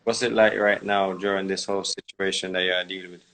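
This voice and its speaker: A man hosting a livestream, chatting with callers in a relaxed, brief way. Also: sits low, fairly quick, vocal fry. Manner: laid-back, relaxed, brief replies. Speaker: livestream host. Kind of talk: casual chat.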